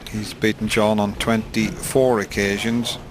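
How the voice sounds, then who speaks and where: Male snooker commentator, hushed and measured, lowish pitch, noisy arena broadcast. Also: level tone. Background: snooker arena audience.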